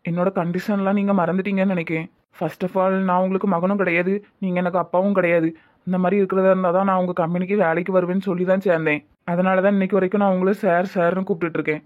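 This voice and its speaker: A woman's voice: on the low side, lightly acted. A woman voicing a young husband in a cartoon, emotional and apologetic, with a Tirunelveli Tamil accent. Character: young husband Muthu, proud then remorseful. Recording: muffled lo-fi audio.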